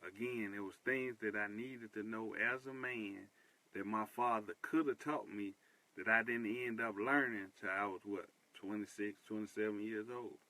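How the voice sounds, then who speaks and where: Earnest low-voiced man, dry close sound. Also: steady tone, moderate pace, pushed and bright, no room sound, poor audio. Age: 30s. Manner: earnest, repeats himself for emphasis. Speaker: host. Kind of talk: personal monologue.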